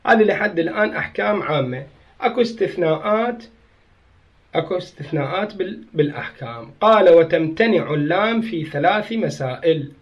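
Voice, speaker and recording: A man's voice: high-pitched, lively intonation, a little fast, lo-fi sound. A man with an Iraqi Arabic accent teaching grammar to a class, reading from a text, repeating key phrases and quizzing his students.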